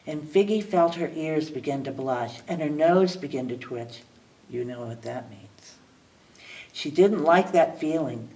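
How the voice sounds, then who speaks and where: Librarian reading a storybook aloud. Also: female voice, sits low, a little slow, distant mic, rough recording. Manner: lively expressive read-aloud with small slips and self-corrections. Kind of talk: reading a picture book aloud.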